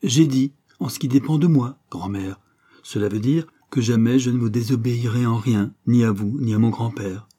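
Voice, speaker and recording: A man's voice: mid-range voice, normal speed, dark tone, husky, close to an everyday voice. A man voicing a sincere young woman of twenty-one in an audiobook of a novel, speaking firmly and from the heart. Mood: earnest. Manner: firm, heartfelt and earnest.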